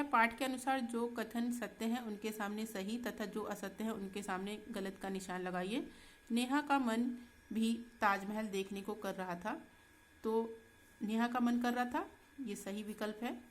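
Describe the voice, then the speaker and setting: A woman teacher with a fairly high voice works through textbook exercises unhurriedly. She speaks very slowly and patiently, pausing to check in with her students. Faint noise hums behind her. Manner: slow, patient, checks in with "ठीक है". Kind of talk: Hindi textbook exercise lesson.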